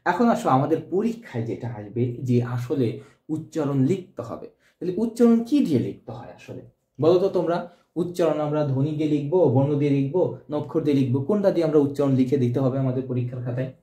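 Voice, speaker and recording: A man's voice: fairly high pitch, expressive, fast, dark tone. A male teacher giving an exam-prep grammar lesson, asking questions and answering them himself. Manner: quizzing, answers own questions. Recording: echoey room.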